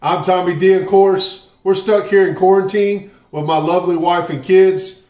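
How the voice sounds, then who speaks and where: A barbecue channel host from the Southern United States, with a Southern American accent, gives an easygoing, folksy home barbecue tutorial, speaking straight to viewers. His voice sits high with a darkish tone, fairly even intonation and a moderate pace. The room is echoey as he moves from his home kitchen to the outdoor grill area.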